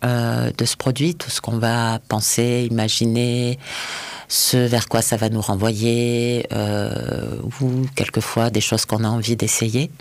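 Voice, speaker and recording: A man's voice: mid-range voice, flat delivery, takes it slowly, dry recording. A man from France, a restaurant chef, answering interview questions in a thoughtful, hesitant way with many fillers.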